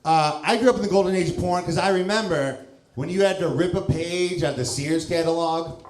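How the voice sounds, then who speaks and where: A man's voice: fairly high pitch, fairly quick, a little mellow, roomy sound. Laid-back man in his thirties doing stand-up. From St. Louis, Missouri, USA. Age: 30s. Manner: loose, self-mocking, chuckles through lines. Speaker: stand-up comedian. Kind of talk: stand-up comedy set. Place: comedy club stage.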